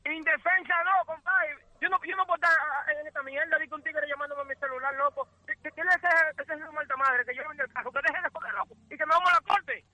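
Guy in his 40s yelling on the phone, fast and bright, tinny line. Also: very high-pitched, steady tone. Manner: indignant, swearing, pleading. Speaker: prank call target. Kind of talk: angry phone argument.

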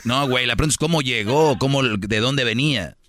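A man's voice: mid-range voice, fairly quick. A man, a radio co-host who teases the host with short quips. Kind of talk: joking radio banter.

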